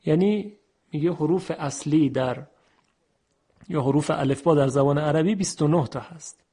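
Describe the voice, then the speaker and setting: A man teaching a radio lesson on Quran recitation, explaining in a measured, formal way and reciting Arabic phrases. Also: on the high side, dark tone, breathy edge.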